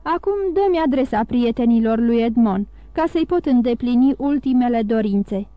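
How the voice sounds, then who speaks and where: Woman reading a calm, coaxing priest. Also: fairly high pitch, no echo, dull audio, natural voice. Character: calm, sly male priest.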